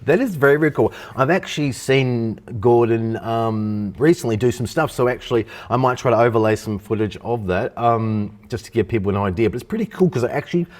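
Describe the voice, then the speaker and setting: A man hosting a casual interview, often repeating and restarting his words and answering with quick yeahs. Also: mid-range voice, a little mellow. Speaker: interview host.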